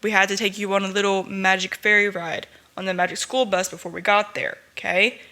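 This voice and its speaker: A woman's voice: mid-range voice, flat delivery, a little fast, bright, forceful tone. A young woman hosting a personal podcast, talking earnestly and emotionally, close to tears at times. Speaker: podcast host.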